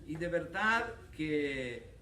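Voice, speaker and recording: Joking Mexican pastor, high lively voice. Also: male voice, extremely slow, a little hiss or hum. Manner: joking, acts out little dialogues. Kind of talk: humorous sermon. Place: church hall. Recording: echoey church hall from far off, crowd laughing. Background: congregation laughing.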